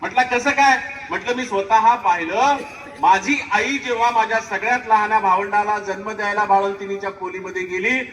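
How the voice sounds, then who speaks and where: A man's voice: high-pitched, fairly even intonation, a little fast, fairly bright tone. A man giving a public speech as a guest poet, telling an anecdote and acting out the dialogue dramatically. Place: large hall at a school gathering. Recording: echoey hall, distant mic, faint noise.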